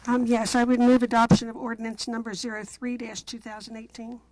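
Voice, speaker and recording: A woman's voice: fairly high pitch, flat delivery, a little fast, darkish tone, no echo, poor audio. A woman city council member formally presenting motions and explanations at a meeting in a businesslike, procedural manner.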